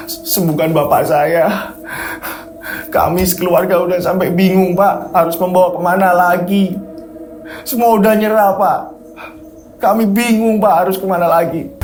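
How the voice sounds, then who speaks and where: A man's voice: sits high, slight background noise, lightly acted. A man voicing a desperate young man who pleads tearfully for help for his sick father.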